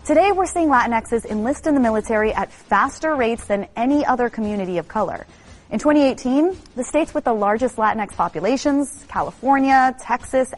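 Serious woman narrating a documentary. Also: fairly high pitch.

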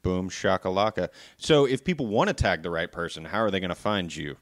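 Man, lowish voice, podcast co-host, playful, upbeat, dry close sound. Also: expressive, no echo. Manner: upbeat, playful, quick asides. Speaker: podcast co-host reading fan questions. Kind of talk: casual podcast chat.

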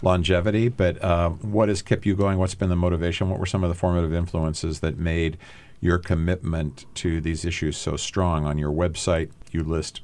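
A man's voice: sits low, little pitch movement, moderate pace, darkish tone, slight background noise. A man hosting an interview, asking long questions with hesitant fillers. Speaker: podcast host.

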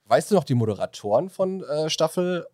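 A man's voice: a little high, big pitch swings, a little fast, a little mellow, no echo, clean studio sound. A man co-hosting a podcast in casual chat, reading out prepared trivia with frequent fillers. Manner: prepared, reads out facts with fillers. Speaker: podcast co-host. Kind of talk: casual chat, quiz-style facts.

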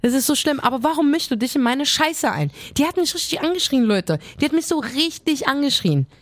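A woman co-hosts a casual podcast, telling her stories in a fiery, emphatic way. Her voice sits fairly high. The sound is dry and close, with almost no room around it. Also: lively intonation, no echo. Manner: fiery storytelling, quick, emphatic. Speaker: podcast co-host.

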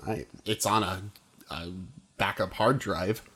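A man's voice: sits low, steady tone, slow, sharp tone, breathy edge. A man hosting a comedy podcast, reading listener questions and teasing his co-hosts with questions. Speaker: podcast host. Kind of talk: casual comedy chat.

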